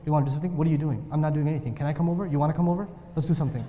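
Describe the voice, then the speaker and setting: An impatient, hyperactive friend, put on by a man, nags with quick, repeated questions. His voice sits fairly high and carries the long echo of a hall. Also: warm tone, close to an everyday voice. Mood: restless. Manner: rapid pleading, repetitive nagging. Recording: reverberant hall with faint noise.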